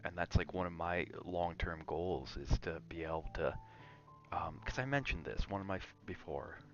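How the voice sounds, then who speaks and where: A man with a low voice at normal speed streams ASMR gaming, casually wandering between talking to chat and reacting to the game. The sound is lo-fi with soft background music.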